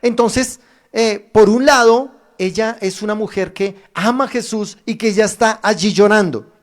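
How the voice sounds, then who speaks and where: A man pastor preaching a streamed sermon, addressing viewers directly with emphatic rises and pauses. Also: high-pitched. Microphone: streamed online service.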